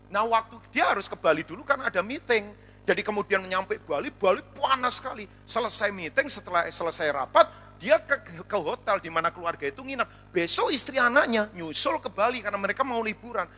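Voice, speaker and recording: A man pastor preaching a sermon, telling funny stories in an animated way. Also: high-pitched, a little fast. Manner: animated storytelling with jokes.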